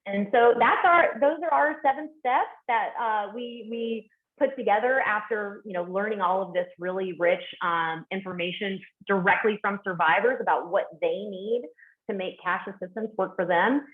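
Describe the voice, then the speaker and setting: A woman's voice: medium pitch, normal speed. A woman presenting steps in a webinar, earnest, with frequent fillers and restarts. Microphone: video call. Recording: tinny phone-like call audio.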